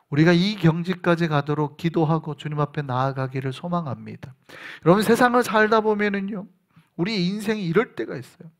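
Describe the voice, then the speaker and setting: A man preaching a Wednesday evening sermon in a church, animated, acting out shouted quotes and dropping to hushed whispers. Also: high voice, creaky. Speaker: pastor. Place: church sanctuary.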